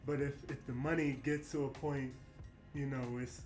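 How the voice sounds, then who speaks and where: A man's voice: mid-range voice, little pitch movement, moderate pace, a little mellow. A man in his late twenties, a basketball player talking candidly and reflectively in a casual interview. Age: 20s. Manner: candid, reflective, lots of "you know what I mean". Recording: echoey room with faint music.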